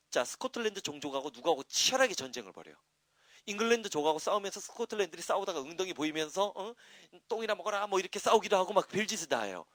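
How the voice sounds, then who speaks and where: Male teacher, middle-aged, classroom lecture, dry close sound, higher pitch, chatty. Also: dry recording. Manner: lively, talkative, asks and answers his own questions. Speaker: English teacher.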